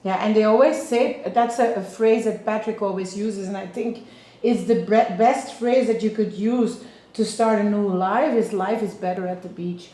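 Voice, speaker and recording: Mellow-voiced Belgian-born woman in her fifties. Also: medium pitch, fairly even intonation, moderate pace. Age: 50s. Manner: explains at length, frequent restarts. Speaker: real estate agent and interviewer. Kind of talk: casual interview chat. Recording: echoey room.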